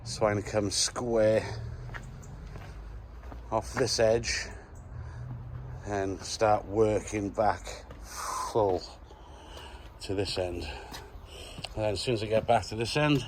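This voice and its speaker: A man's voice: fairly low pitch, fairly even intonation, slow pace, pauses often, a little hiss or hum. A man chatting casually to the camera as he lays a patio outdoors. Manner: chatty, jokey, talks to camera while working. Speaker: patio installer filming his work. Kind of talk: casual work vlog.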